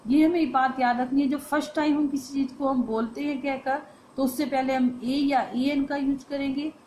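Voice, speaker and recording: A woman teacher explains a grammar lesson to students. She poses questions and answers them herself, and says the phrases slowly and with stress. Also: sits high, a little mellow, a little hiss or hum, poor audio.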